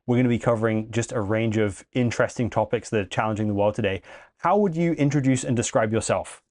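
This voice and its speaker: A man's voice: lowish voice, fast talker, darkish tone. A man hosting a podcast interview in a friendly, chatty way, sometimes stammering. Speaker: podcast host.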